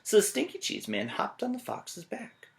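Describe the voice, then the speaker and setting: A man reading a children's story aloud as a teacher, expressive and full of playful joking asides. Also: very high-pitched, moderate pace, gravelly.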